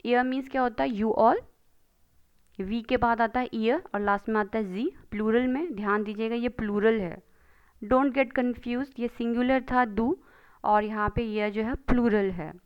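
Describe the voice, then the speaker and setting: A woman teaching German grammar in a video lesson, switching between Hindi and English and reading example sentences slowly. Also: a little high, steady tone, smooth, dull audio.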